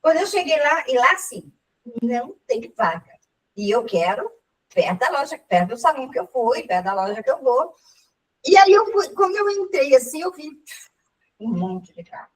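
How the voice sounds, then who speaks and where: Animated high-voiced woman, far from mic. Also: moderate pace. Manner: animated, laughing, acts out dialogue. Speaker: group member sharing a story. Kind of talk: casual storytelling.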